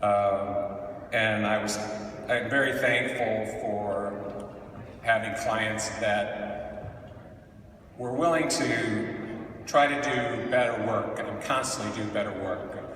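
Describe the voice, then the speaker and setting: A middle-aged man giving an acceptance speech at a podium, speaking haltingly with frequent pauses. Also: lowish voice, fairly bright tone. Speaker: award recipient, veteran film editor. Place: large indoor hall at an awards event. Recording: very echoey hall, distant mic, faint noise.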